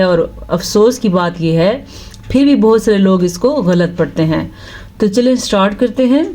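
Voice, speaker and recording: A woman teaching Quran pronunciation, patiently explaining rules between slow drawn-out recitations. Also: mid-range voice, mellow, a little hiss or hum. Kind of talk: tajweed lesson with recitation.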